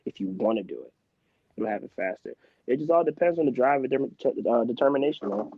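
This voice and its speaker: A man in his twenties from Philadelphia speaks as an interview guest, building his points with animated, emphatic energy. His voice sits in a middle range. The recording is close and dry, with a slightly muffled, dull tone. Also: medium pitch, quick pace, slightly rough, no room sound. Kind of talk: casual interview talk.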